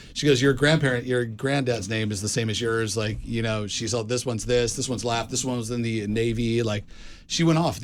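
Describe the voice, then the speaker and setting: A man's voice: mid-range voice, slight background noise. A man co-hosting a casual talk show, telling a story in a rambling way, full of fillers and restarts. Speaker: co-host.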